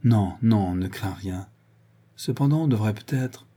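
Male reader playing a protective young mother in an audiobook, commanding and forceful, warm husky tone. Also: lowish voice, unhurried. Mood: tender.

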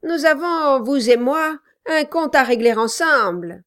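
A spiteful, gloating dwarf of a man, as a woman reader puts him on, barking threats and cooing with false sweetness. The voice sits high and is delivered slowly, each word pushed out loud. It is an audiobook figure who is cruel and enjoys it. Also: expressive. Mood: mock-sweet.

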